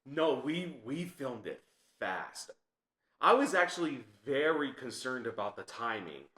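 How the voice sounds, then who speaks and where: Young guy guest on a podcast, relaxed storytelling, roomy echo around him. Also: mid-range voice, unhurried. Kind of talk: casual chat.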